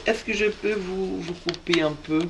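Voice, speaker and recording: A man's voice: sits high, normal speed. A man conducting an interview, asking questions in a courteous, formal way. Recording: echoey room with clear noise.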